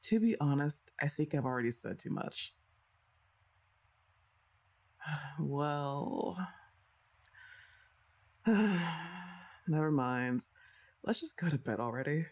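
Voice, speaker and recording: A young woman plays a teasing, bossy yet playful role in scripted ASMR, speaking straight to the listener with soft sighs and laughs between lines. Her deep, slightly rough voice moves up and down with lively intonation, and she takes it slowly, pausing often.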